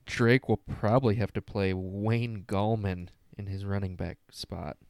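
Low-voiced young man, laid-back co-host. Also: fairly even intonation, measured pace, creaky, darkish tone, clean tone, no room sound, studio quality. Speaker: podcast co-host. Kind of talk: casual fantasy football chat.

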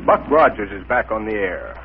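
A man's voice: fairly low pitch, expressive, moderate pace, noisy background. A man speaking as an old-time radio announcer, theatrical and salesman-like, on a muffled 1930s radio recording.

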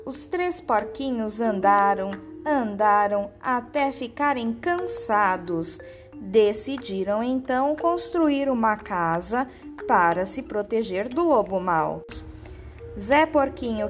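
A woman narrating a children's story in a gentle storytelling manner. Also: fairly high pitch.

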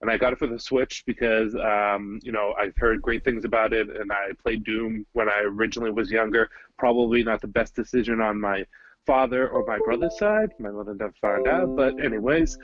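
A man's voice: on the low side, brisk, muffled recording. A man co-hosting a casual podcast, talking in a chatty, easygoing way. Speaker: podcast co-host.

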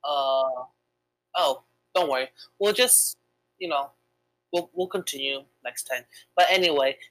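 A woman's voice: low-pitched, measured pace, fairly bright tone, no echo, rough recording. A young woman co-hosting a casual podcast, chatty and hesitant, with lots of fillers. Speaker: podcast co-host. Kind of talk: casual chat game with a friend.

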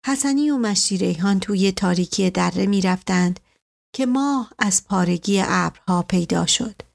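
A woman narrating a story aloud in a steady, even storytelling delivery. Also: mid-range voice, creaky.

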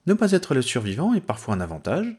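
A young wife with dry, unbothered teasing, as a male reader lifts his voice for her. The tone jumps around lively and stays a little husky. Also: fast. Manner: raised pitch, dry teasing.

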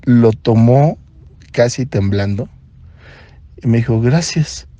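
A man with a Mexican accent, a podcast host and doctor, telling a story in an animated way and acting out the dialogue. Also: medium pitch, slow, no room sound, lo-fi sound. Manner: animated, acts out dialogue in other voices. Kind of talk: storytelling monologue.

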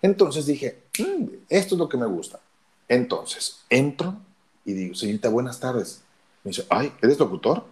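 A man with a deep voice and a Mexican Spanish accent, a radio announcer telling his story in casual chat and acting out the dialogue. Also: big pitch swings, moderate pace.

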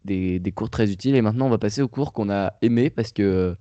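A man's voice: lowish voice, fast, warm tone, dry recording, highs cut off. A young man co-hosting a casual chat, talking with many fillers and restarts. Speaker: podcast co-host.

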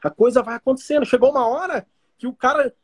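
A man's voice: very high-pitched, fast, slightly rough. A man with a Brazilian Portuguese accent, a trading teacher chatting casually and explaining through everyday analogies. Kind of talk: casual podcast chat.

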